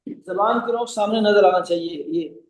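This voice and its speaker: A man teaching Arabic letter sounds on a video call, patiently stretching out model syllables and then giving quick corrections. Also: high voice, reverberant, faint music behind. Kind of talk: online pronunciation lesson.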